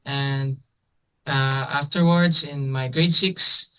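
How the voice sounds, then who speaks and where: A man's voice: fairly high pitch, steady tone, slow, bright, forceful tone, clean tone, low-quality recording. A man in his twenties from the Philippines, a band's frontman, answering interview questions politely. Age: 20s. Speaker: band frontman and guest. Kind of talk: casual interview.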